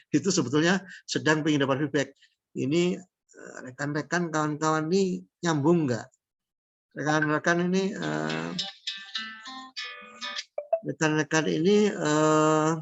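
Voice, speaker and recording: Gravelly-voiced man giving a relaxed lecture. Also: mid-range voice. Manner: relaxed, repeats points and reads out English terms slowly. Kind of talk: casual spoken lecture.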